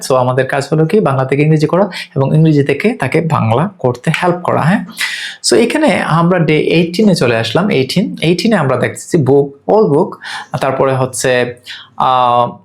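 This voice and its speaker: A man's voice: a little high, gravelly. Man teaching. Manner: slow repetitive drilling of words, many filler pauses; candid, admits gaps in his own knowledge. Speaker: English teacher. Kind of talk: online course lecture.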